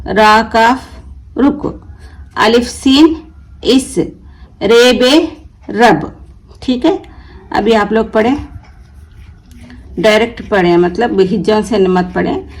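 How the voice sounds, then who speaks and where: A woman's voice: medium pitch, gravelly, a little mellow, poor audio. A woman teaching a reading lesson, who patiently sounds out letters and asks questions that she then answers herself. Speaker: Urdu teacher.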